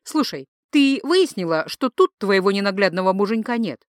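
A woman's voice: mid-range voice, very animated, normal speed, dry recording, studio quality, lightly acted. A woman reading an audiobook, voicing a pushy, quarrelsome young wife in a raised, insistent voice.

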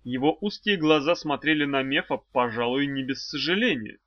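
A man narrating a fantasy audiobook in a measured, even reading. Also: mid-range voice, no room sound, muffled recording. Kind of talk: scripted narration.

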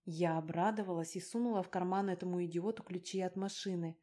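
A woman narrating a first-person novel in an even, measured audiobook reading. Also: on the low side.

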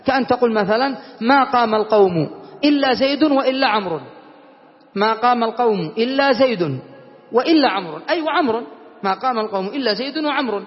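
A man teaching a classroom grammar lesson, often quizzing his students and reciting verses slowly and deliberately. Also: very high-pitched. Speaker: teacher explaining Arabic grammar. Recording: lo-fi, reverberant classroom recording.

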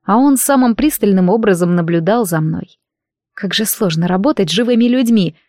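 A woman's voice: medium pitch, expressive, moderate pace, darkish tone, dry recording. Brief: female audiobook narrator, first person, intimate and emotional, dry studio sound.

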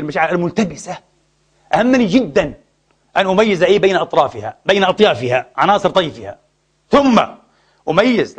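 Fast-talking preacher, middle-aged guy, husky voice, throws out questions. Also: on the high side. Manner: passionate, rhetorical questions, shifts between loud and hushed. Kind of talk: sermon.

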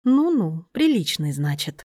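A woman's voice: medium pitch, a little fast, darkish tone, natural voice. A woman reading aloud and voicing a sly young woman who talks sweetly and feigns innocence.

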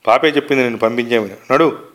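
A man reading aloud and voicing a coarse, bossy older woman who orders people about roughly. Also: mid-range voice, quick pace, a bit bright, natural voice. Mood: brusque. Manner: rough, commanding.

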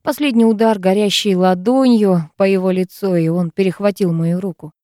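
A woman reading a first-person story as an audiobook narrator in an even, intimate way. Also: medium pitch, moderate pace, no room sound, clean studio sound.

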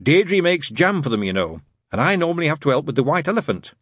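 A mild, polite father as a man narrating puts him on. He sounds puzzled and unsure of himself, bumbling along with lifts in pitch. It is a storybook character in a dry recording. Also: big pitch swings, fast, breathy edge, no room sound. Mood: grateful, warmer. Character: mild, hesitant, puzzled English father, an accountant.

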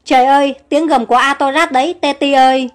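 A woman reading the part of a gentle young queen who speaks in a worried, pleading way, within a storybook audio tale. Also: high voice, steady tone, fast talker, close to an everyday voice.

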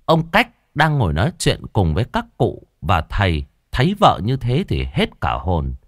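Male horror narrator, low voice, animated delivery, dry close mic. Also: normal speed, no echo. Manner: dramatic, expressive. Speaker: storyteller.

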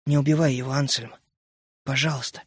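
A man voicing a stubborn young woman fighter in a read-aloud story, speaking quietly but hard-edged. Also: mid-range voice, fairly even intonation, fairly quick, husky, dry recording, studio quality, close to an everyday voice. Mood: firm.

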